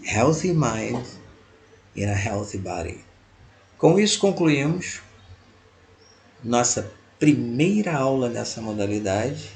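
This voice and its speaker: A man, teaching in a slow, deliberate way and repeating each phrase. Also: mid-range voice, gravelly, darkish tone, a little hiss or hum. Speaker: language teacher. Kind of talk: multilingual lesson.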